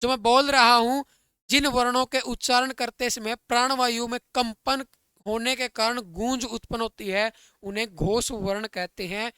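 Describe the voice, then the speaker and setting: A man teaching Hindi grammar in an online exam-prep lesson, calling his listeners brother and dear friends and checking again and again that it is clear. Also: very high voice, fairly even intonation, moderate pace, bright, forceful tone, no echo. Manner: keeps asking students if it is clear.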